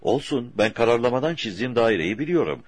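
A man's voice: medium pitch, lively intonation, fast, no echo, voice pushed up, close to an everyday voice. A man reading an audiobook, voicing an insistent, exasperated woman artist who recounts a dream.

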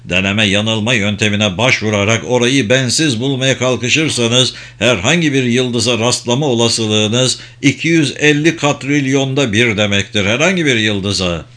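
Here is a haughty male ruler in a spoken storybook , read out by a man. His voice climbs high and loud when he gives orders. When he is cornered it turns cold and measured, and it still carries command. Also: close to an everyday voice. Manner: shouting orders, then icily calm. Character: arrogant middle-aged male autocrat, commanding.

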